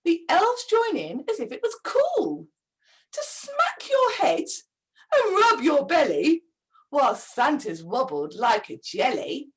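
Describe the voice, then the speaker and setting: A woman reads a rhyming story aloud slowly and dramatically. Her high voice swoops widely as she acts out every moment. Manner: dramatic, expressive, with gasps.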